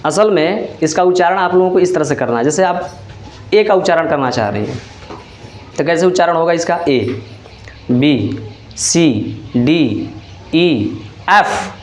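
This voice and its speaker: A man teaching a class, sounding out letters slowly and checking in with listeners after each point. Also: a little high, expressive, darkish tone, reverberant. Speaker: teacher trainer. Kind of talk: classroom lesson.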